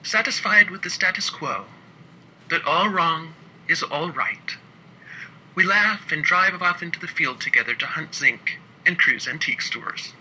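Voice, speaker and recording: Male storyteller, dry and wry, sharp husky voice, fairly high. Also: expressive, a little hiss or hum, poor audio. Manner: wry, dry, shifts between quick asides and slow emphasis. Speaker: storyteller recounting his work as an inspector. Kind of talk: first-person comic storytelling.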